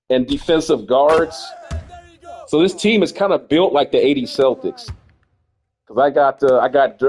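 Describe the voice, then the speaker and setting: A man's voice: a little high, darkish tone. A man giving casual, rambling commentary while playing a basketball video game, often repeating himself as he thinks. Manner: laid-back, rambling, repeats words as he thinks. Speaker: gaming streamer.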